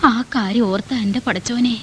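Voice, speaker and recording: An actress playing a worried, motherly household woman who talks softly and resignedly. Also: on the high side, steady tone, fairly quick, breathy edge, low-quality recording.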